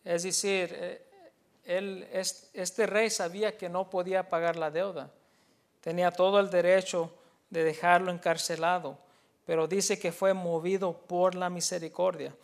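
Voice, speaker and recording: A pastor with a fairly high male voice preaches in an earnest, teacherly way. He explains a passage, then restates it in a second language, with hesitant fillers and restarts along the way. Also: little pitch movement, measured pace, vocal fry. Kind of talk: bilingual sermon, preaching.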